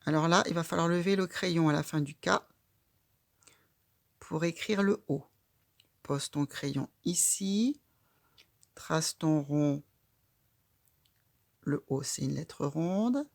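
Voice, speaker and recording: Low-voiced lady teacher, slow and patient, talks a kid through each letter, dry close sound. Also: creaky, dry recording. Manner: patient, calm, guiding a child stroke by stroke. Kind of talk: slow step-by-step handwriting lesson.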